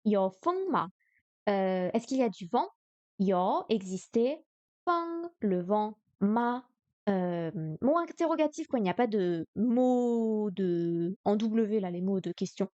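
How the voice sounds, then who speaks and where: A woman's voice: mid-range voice, animated, takes it slowly, darkish tone, no echo, lo-fi sound. A woman streaming a live study session, thinking aloud hesitantly with many fillers. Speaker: streamer learning Chinese.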